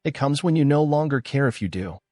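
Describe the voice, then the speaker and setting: A man narrating a first-person story in a calm, measured, scripted way. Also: mid-range voice, no echo, clean studio sound.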